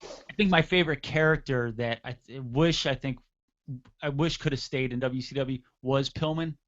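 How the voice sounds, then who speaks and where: A man co-hosting a casual wrestling talk show, animated and rambling, often laughing. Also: medium pitch, moderate pace, dull audio. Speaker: co-host.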